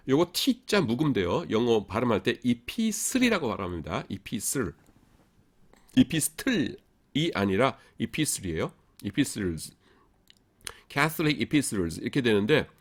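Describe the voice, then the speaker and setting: A middle-aged man, a professor, giving a recorded lecture. He explains step by step, asks the class rhetorical questions and corrects himself as he goes. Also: fairly high pitch. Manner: casual fillers and self-corrections.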